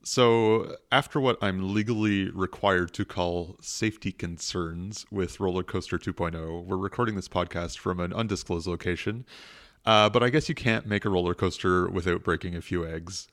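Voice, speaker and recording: A man co-hosting a comedy podcast, talking in a dry, mock-formal, deadpan way. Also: low-pitched, normal speed, no room sound. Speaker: podcast co-host. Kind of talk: casual comedic chat.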